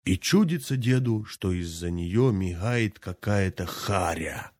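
Low-voiced man telling a folk tale. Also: slow pace, no room sound, studio quality. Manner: lively, dramatic storytelling. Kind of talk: expressive folk tale narration.

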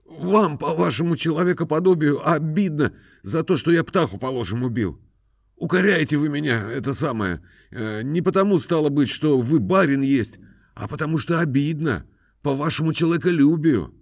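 A man voicing a timid lame peasant poacher who pleads in a shaky falsetto, fumbling and humble. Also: lively intonation, normal speed, vocal fry, no room sound, studio quality. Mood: wounded. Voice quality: quavering falsetto. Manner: humble, fumbling, full of hesitations.

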